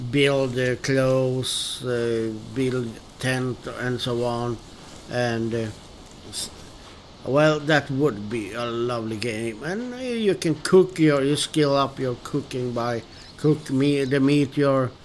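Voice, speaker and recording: Slow, hesitant Swedish man. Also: medium pitch, a little hiss or hum. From northern Sweden. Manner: hesitant and musing, many pauses and restarts. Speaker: gaming video host. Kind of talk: relaxed let's-play commentary.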